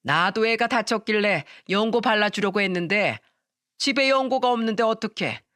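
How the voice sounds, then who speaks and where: A woman voicing an irritable older mother-in-law who scolds and complains in a sharp, loud way. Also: mid-range voice, expressive, normal speed, dry recording, studio quality, lightly acted. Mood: dismissive.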